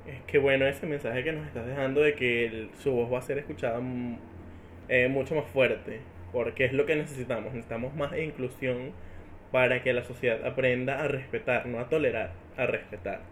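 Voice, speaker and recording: A man's voice: mid-range voice, fairly even intonation, normal speed, a bit bright, slight background noise. A man hosting a podcast, asking open questions and affirming his guest's points. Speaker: podcast host. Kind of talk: casual podcast interview.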